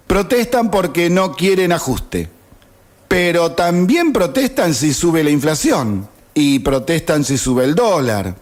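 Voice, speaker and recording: A man in his fifties with an Argentine accent, reading a sarcastic opinion editorial on radio. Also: sits high. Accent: Argentine Spanish. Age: 50s. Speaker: radio host. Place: radio studio.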